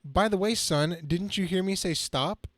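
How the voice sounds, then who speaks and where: Man playing young male superhero, flippant, quippy, slightly high pitch, dry close sound, comic-book dramatic reading, occasional stumbles. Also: moderate pace, no echo, natural voice. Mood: flippant, wisecracking.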